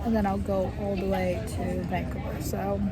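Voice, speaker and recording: A young woman vlogging to camera in a casual, chatty, expressive and informal way. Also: medium pitch, normal speed, loud music behind the voice. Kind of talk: casual vlog chat to camera. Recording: clear background noise, travel ambience.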